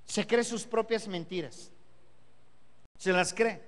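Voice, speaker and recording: A man's voice: sits high, slow. A man with a Mexican Spanish accent preaching a Sunday sermon as pastor, emphatic, repeating key words and asking rhetorical questions. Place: church service hall. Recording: long reverb of a church hall.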